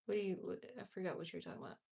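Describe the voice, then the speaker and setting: Very fast, husky and mellow in a mid-range voice, a late-twenties woman hosting a livestream talks frankly and opinionatedly as she responds straight to what her viewers comment.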